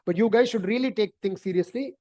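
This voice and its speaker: Female math teacher, mid-pitched, explains step by step, repeats herself and tags lines with "right?". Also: quick pace, mellow. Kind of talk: online algebra lesson, explaining.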